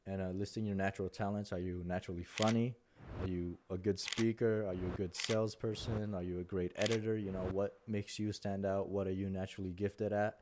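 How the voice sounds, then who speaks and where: A young Mexican man with a low-pitched, Spanish-accented voice offers casual advice as a content creator in a talking-head format. He speaks briskly in a level tone, rambling with many fillers and restarts, over a noisy background.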